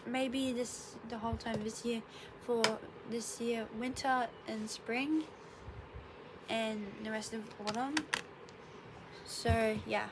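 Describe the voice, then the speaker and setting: Speaking slowly with fairly even intonation, this young vlogger has a voice on the high side and sounds a bit congested. She rambles through a casual explainer from her bedroom, correcting herself and adding sarcastic asides, while room noise is noticeable.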